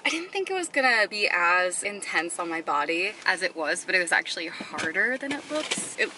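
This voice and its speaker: A woman's voice: lowish voice, sing-song, fairly quick, background noise. A young woman chatting casually in a lifestyle vlog, swearing freely as she talks. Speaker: lifestyle vlogger.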